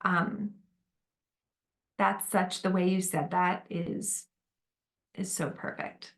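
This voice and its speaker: A woman facilitating a group discussion on motherhood, gentle and validating, with many fillers. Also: on the low side, little pitch movement, takes it slowly, creaky. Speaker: workshop facilitator.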